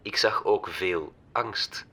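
Warm clear ai voice in your head, calm and flat-out factual, a man reading it, low and slow. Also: full character voice. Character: calm AI voice inside a girl's head. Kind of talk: audiobook character voice.

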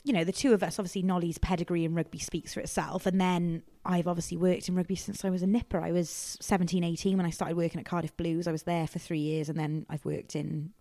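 Woman, lowish voice, dry sound. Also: flat delivery, warm tone, no echo. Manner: chatty, teasing, quick-witted. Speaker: rugby presenter and podcast host. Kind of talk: casual podcast chat.

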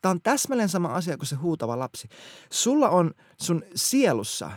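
Male teacher, casual faith talk, earnest and colloquial, lively pitch, dry close sound. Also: no room sound. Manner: animated, colloquial, earnest, many restarts.

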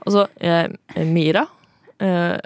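A woman's voice: fairly low pitch, fairly even intonation, darkish tone, smooth, no room sound, clean studio sound. A young woman co-hosting a radio show, chatting casually and hesitantly with many fillers. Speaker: radio co-host.

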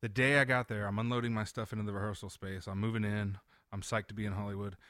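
Male podcast guest, bright and crisp-edged, casual candid storyteller with joking asides, very dry recording. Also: fairly low pitch, little pitch movement, fast, dry recording. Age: late 20s or older.

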